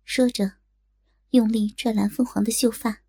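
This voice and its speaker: Woman with a gravelly, husky storytelling voice. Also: a little high, a little slow, no room sound. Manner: steady, storytelling delivery. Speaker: narrator. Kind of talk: scripted audiobook narration of a martial-arts tale.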